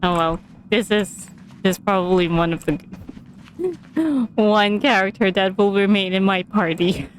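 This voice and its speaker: A woman's voice: medium pitch, steady tone, moderate pace, slight background noise, rough recording. Giggly woman commenting on gameplay. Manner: giggly, chatty, thinks aloud. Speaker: game streamer.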